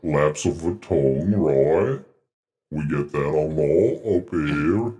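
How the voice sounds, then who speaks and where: A man's voice: rumbling low, takes it slowly, dark tone. A man voicing a wary, lonely talking ship that keeps calling people mate, in a tabletop game. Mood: gruff. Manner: drawling, keeps saying mate and right.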